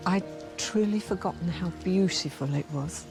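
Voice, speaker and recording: A woman's voice: lowish voice, moderate pace. An older woman from England, a guest reacting with exclamations and frequent laughter to a repaired family heirloom. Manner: breathless exclamations, laughs often. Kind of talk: emotional casual chat. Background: music.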